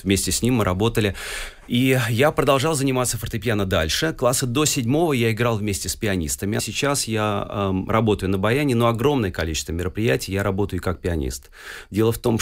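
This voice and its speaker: A man in his forties from Russia, a guest musician telling his story at length in an interview, with frequent hesitations. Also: lowish voice.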